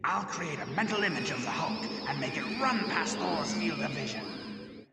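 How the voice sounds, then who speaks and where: A man playing a scheming, gloating god of trickery in an animated superhero comic, theatrical and creaky, over music. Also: on the high side, moderate pace. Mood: irritated, scheming. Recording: loud music under the voice.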